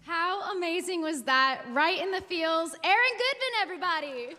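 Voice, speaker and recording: A bubbly woman presenting an award at a gala, her high, bright voice swinging up and down with excitement. It rings through a large hall with long reverb and a little music behind. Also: moderate pace. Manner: bubbly, lively, laughing. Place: large event hall stage.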